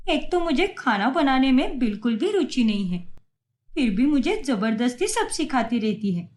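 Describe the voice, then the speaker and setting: A woman voicing a timid young adult daughter who pleads and apologizes in an animated story. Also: fairly high pitch, moderate pace. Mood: complaining.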